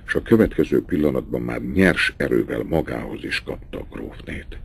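A man reads a novel aloud in a measured, dramatic way. His voice is extremely deep, with a gravelly fry and a slightly husky edge. His pitch moves in lively rises and falls. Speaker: audiobook narrator. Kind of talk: literary audiobook narration.

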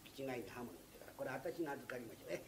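A man in his forties playing a mild, apologetic older male patron who speaks softly and calmly. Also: medium pitch, very fast, noisy background, voice pushed down, close to an everyday voice. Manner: soft-spoken, calm, apologetic.

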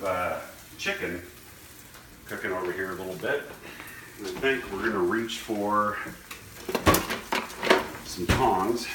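A man hosting a casual home cooking demonstration, talking in an easygoing, offhand way as he works. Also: fairly low pitch. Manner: laid-back, easygoing, offhand. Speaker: home cooking show host. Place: indoor kitchen. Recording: echoey room with clear kitchen sizzle noise. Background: frying sizzle and stirring.

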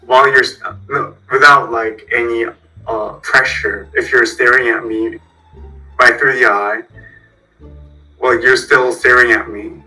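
Young man, hesitant, rambling, very bright tone, webcam call. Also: mid-range voice, steady tone, a little slow, faint music behind, low-quality recording. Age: young adult. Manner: hesitant, reasoning aloud. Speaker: video chat stranger. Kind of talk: casual video chat.

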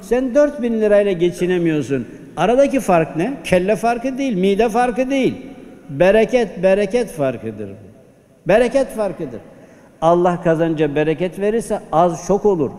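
A man's voice: high-pitched, big pitch swings, moderate pace, dark tone. A man preaching a Friday sermon at a pulpit microphone, exhorting the congregation with rhetorical questions. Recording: long hall reverb.

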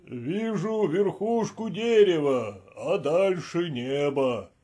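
A man doing a slow, timid old servant. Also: on the high side, expressive, mellow, slightly rough, full character voice. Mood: wary. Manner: slow, drawn-out, plaintive speech. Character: old male servant, timid and grumbling, high in a tree. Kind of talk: audiobook character voice.

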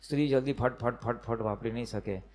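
A man giving a spiritual discourse at a retreat, telling animated stories and dropping in English phrases. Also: mid-range voice, brisk. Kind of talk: spiritual discourse to a live audience.

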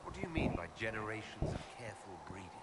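A man voicing a curious male hero in video game dialogue, asking brisk, inquisitive questions. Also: on the low side, very animated, slight background noise.

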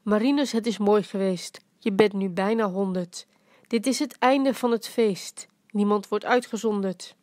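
A woman's voice: mid-range voice, unhurried, warm tone, no room sound, close to an everyday voice. A woman reading as a teasing old grandpa. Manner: dry joking, rhyming quips. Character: playful dying grandfather, old man, teasing.

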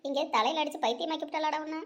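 A woman voicing a sharp-tongued old village grandmother in a cartoon, gruff and scolding. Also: high-pitched, very fast. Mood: teasing. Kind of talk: cartoon voice acting.

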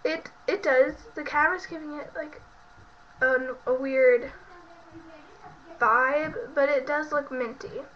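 Speaking slowly with frequent pauses, this congested, under-the-weather young woman keeps a steady tone in her high voice. She's a beauty vlogger doing a casual product show-and-tell from her bedroom at home, rambling and full of fillers. The built-in webcam mic gives muffled lo-fi sound with a little background noise.

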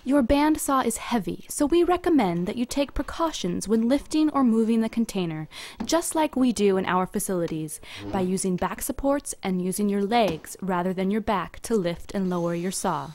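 This is a woman's scripted instructional voice-over for a company video, delivered evenly and step by step. Her voice is medium in pitch and was recorded separately from the workshop on screen.

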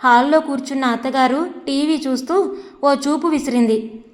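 Woman storyteller, high voice, long hall reverb, even measured reading. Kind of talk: reading a novel aloud.

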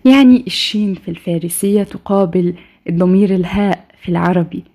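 Husky Egyptian woman teaching slowly. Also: lowish voice, mellow. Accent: Egyptian Arabic. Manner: slow, repeats each word twice for drill. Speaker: language teacher. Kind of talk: recorded online lesson.

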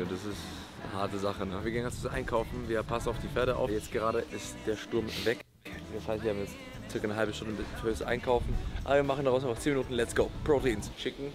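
A man in his twenties chatting casually to viewers as a vlogger. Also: on the low side. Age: 20s. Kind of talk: casual vlog chat to viewers. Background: music.

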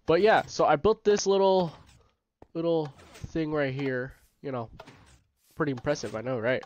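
A man with a stuffy nose giving casual, rambling gameplay commentary as the host of his own gaming channel, often correcting himself and getting excited. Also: on the high side, moderate pace, slight background noise. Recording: dry, slightly dull home recording.

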